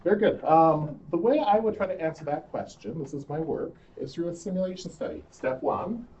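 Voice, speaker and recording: A man's voice: on the high side, expressive, a little fast, darkish tone. A man presenting in a seminar, playfully quizzing his audience during an interactive lecture. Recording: distant muffled room recording.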